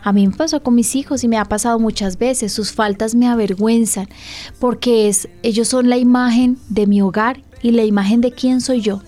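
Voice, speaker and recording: Earnest woman pastor, slightly high voice. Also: steady tone, moderate pace, warm tone, faint music behind. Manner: earnest, questioning her co-host, breathing advice. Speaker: pastor and radio program host.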